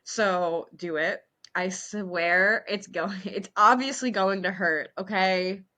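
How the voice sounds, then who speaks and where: Bright-toned woman waxer, giggly and candid, in casual podcast chat. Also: medium pitch, takes it slowly. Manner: giggly, candid, animated storytelling.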